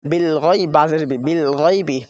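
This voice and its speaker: A man's voice: fairly high pitch, moderate pace, a little mellow, muffled recording. A man teaching Quran reading step by step, spelling out letters and vowel marks and often checking in with his listeners.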